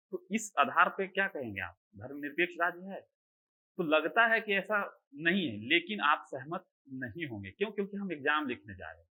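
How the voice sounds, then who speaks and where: A man's voice: on the high side, bright, forceful tone, poor audio. A man teaching an online exam-prep class, asking rhetorical questions and answering them himself, and often checking that students follow. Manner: keeps checking that students understand.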